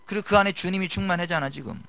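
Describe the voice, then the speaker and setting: A middle-aged man preaching a sermon in a conversational style, swinging from loud to hushed. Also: high voice, racing, smooth, no echo. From South Korea. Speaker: pastor.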